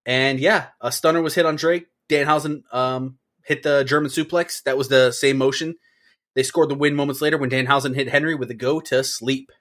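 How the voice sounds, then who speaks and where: Male podcast co-host, mid pitch, relaxed recap delivery with casual swearing. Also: brisk. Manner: reads results with offhand swearing.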